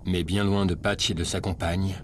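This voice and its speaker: A man delivering scripted nature documentary narration in a measured, dramatic storytelling manner. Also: low-pitched, little pitch movement, a little hiss or hum. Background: prominent music.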